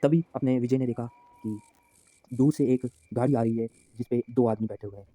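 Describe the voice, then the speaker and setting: A man's voice: medium pitch, steady tone, normal speed, mellow, dry recording. A man narrating his own story casually as a YouTube storyteller, chatty and prone to restarts.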